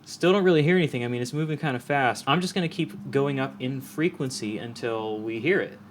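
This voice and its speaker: This man's mid-range voice comes a little fast, with a touch of hiss or hum and music behind it. As an audio pro, he explains things casually and practically, demonstrating and regularly checking for understanding.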